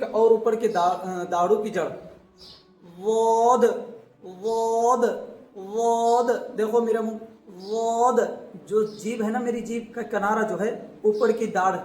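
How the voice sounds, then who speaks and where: A man teaching Quran recitation. He gives quick explanations, then draws out each letter sound slowly, and often checks that the listener is following. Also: sits high, a little mellow. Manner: slow drawn-out letter demonstrations between quick explanations. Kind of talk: pronunciation lesson. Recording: echoey room, faint background noise.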